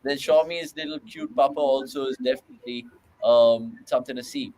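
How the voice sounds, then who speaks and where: A man's voice: mid-range voice, a little fast, rough recording. Chatty British man hosting a cricket watchalong. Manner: chatty, reacts excitedly to shots, reads viewer questions. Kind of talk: live cricket watchalong commentary.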